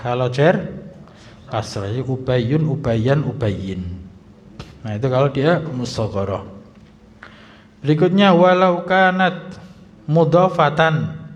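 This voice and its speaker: A man's voice: medium pitch, lively intonation. Man, religious teacher, grammar lesson, quizzes students, long mosque reverb, dull sound. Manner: reads Arabic text slowly, then explains briskly and quizzes students. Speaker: Islamic teacher. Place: mosque hall.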